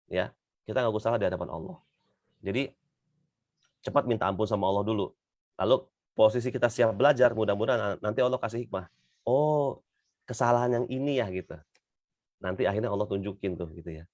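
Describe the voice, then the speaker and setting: A man's voice: on the low side, fast, pauses often, darkish tone, dry recording, muffled recording. A man giving an Islamic talk to an audience in a conversational way, often tagging his sentences with small fillers. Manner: conversational, repeats "gitu ya" often. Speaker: religious motivational speaker.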